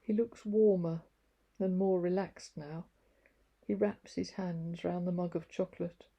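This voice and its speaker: A woman reading aloud from her own devotional book in a gentle, confiding, wry first-person tone. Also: fairly low pitch, steady tone, unhurried.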